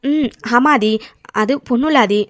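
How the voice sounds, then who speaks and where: Calm cartoon girl, high voice, patient and coaxing. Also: moderate pace. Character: calm young woman, patient friend.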